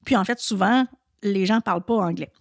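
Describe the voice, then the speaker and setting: Speaking in a mid-range, creaky voice at a moderate pace, this French teacher with a Quebec accent talks casually to her podcast listeners. She restarts often and leans on "tu sais" as filler. The sound is studio quality with no echo.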